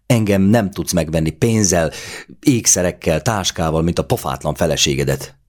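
A man reading aloud who voices a bitter, sharp-tongued young woman, snapping and accusing in a raised voice. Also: deep voice, voice pushed up, natural voice. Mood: bitter, angry.

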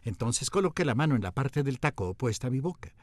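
A man, a radio host telling a humorous first-person story in a lively, theatrical, self-mocking way. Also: mid-range voice, quick pace, dry recording, clean studio sound.

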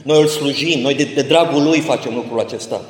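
A man preaching an impassioned sermon as a pastor, swelling to emphatic peaks, in a church. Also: medium pitch. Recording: echoey church hall.

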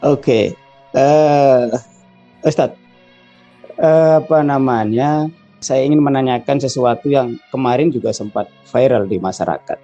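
A man's voice: mid-range voice, a little slow, pauses often, mellow, lo-fi sound, faint music behind. A male host interviewing a cleric, asking questions and giving short acknowledgments. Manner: brief acknowledgments.

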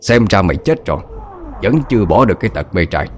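A man voicing a stern male exorcist near sixty, gruff and commanding. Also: sits low, big pitch swings, quick pace, faint music behind.

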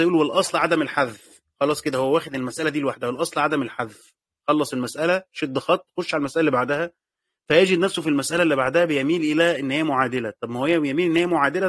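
Fast-talking Egyptian man teaching a lesson. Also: a little high, fairly bright tone, dry recording, clean studio sound. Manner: explanatory, repeats phrases, asks and answers own questions. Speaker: teacher of Quranic exegesis. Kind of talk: classroom lesson commentary.

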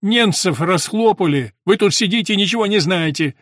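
A man's voice: fairly high pitch, normal speed, slightly rough, dry recording, clean studio sound, pitched above the performer's own voice. A man voicing an eager young army messenger who chatters in rustic speech.

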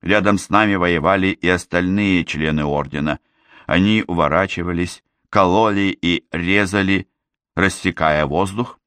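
A man with a very low voice narrates a fantasy novel at a steady, measured pace. The read is even and controlled. The sound is dry and close, with no room echo. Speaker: audiobook reader. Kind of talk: scripted narration.

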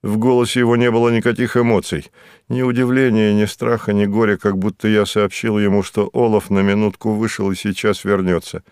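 A man narrating a novel in the first person, steady and measured. His voice sits on the low side, and the recording is close and dry. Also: clean tone, no echo. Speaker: audiobook narrator.

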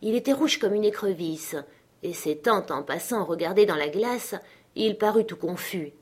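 A woman narrating a classic literary tale as an audiobook, in a measured, expressive storytelling manner. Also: mid-range voice, breathy edge.

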